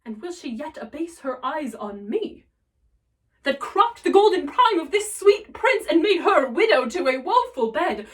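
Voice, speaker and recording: Lady doing a scheming shakespeare villain guy, theatrical and self-mocking, slow drawn-out lines, bit far from mic. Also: high-pitched, big pitch swings. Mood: mocking wonder. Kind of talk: classical Shakespearean stage soliloquy. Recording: voice distant from the mic.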